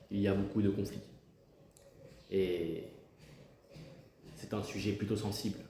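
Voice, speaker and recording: A man plays a self-important president in a comic sketch. His voice is low and soft-edged, in a roomy echo. He is stern and insinuating, dressing up threats as diplomacy. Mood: grave, formal. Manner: pompous, insinuating, mock-diplomatic. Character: stern, pompous human president scolding and threatening a rival.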